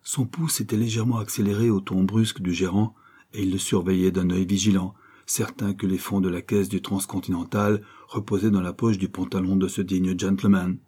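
Dark, husky male narrator. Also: low-pitched, little pitch movement, fairly quick. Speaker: audiobook narrator. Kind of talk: scripted narration.

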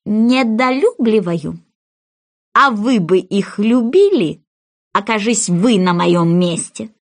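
A woman voicing a touchy, indignant mouse that is proud and easily offended, speaking slowly and with huffy emphasis. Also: medium pitch, lively intonation.

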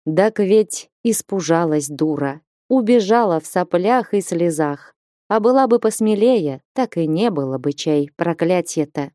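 A woman narrating a fantasy novel as an audiobook in steady storytelling. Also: lowish voice, unhurried, no echo, studio quality.

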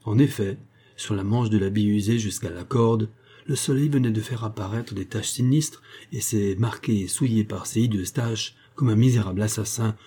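Husky, dark-voiced male narrator. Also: fairly low pitch, normal speed. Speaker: audiobook narrator. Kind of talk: scripted narration.

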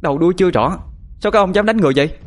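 A man voicing a spirited young woman of nineteen, speaking high and urgent. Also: fast talker, darkish tone, lightly acted. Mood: furious.

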